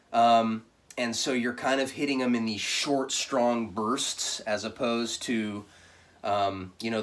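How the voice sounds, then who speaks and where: A man with a mid-pitched voice talks through a casual product review. He is plainspoken and conversational, like a reviewer speaking off the cuff. The voice sits a little way back from the microphone. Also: far from the mic.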